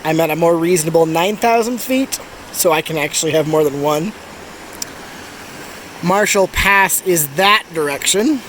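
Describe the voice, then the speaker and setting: A man's voice: fairly high pitch, moderate pace, fairly bright tone. A man giving a casual, laid-back trip update with dry humour, recorded outdoors beside a babbling creek. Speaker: travel vlogger. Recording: outdoor creek and breeze noise. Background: running stream water.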